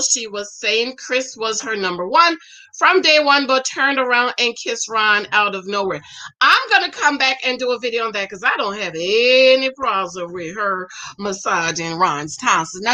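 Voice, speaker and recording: A woman in her forties hosts a livestream show review, chatting away, reading out viewers' comments and answering them sassily. She has a high-sitting voice with a bright edge that pushes forward.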